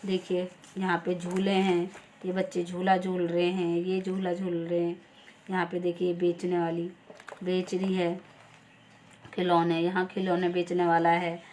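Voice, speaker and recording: A woman's voice: lowish voice, completely flat delivery, unhurried, a little mellow, slight background noise. A young woman teacher patiently explaining a first-grade lesson step by step. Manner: patient, step-by-step, repeats "ठीक है".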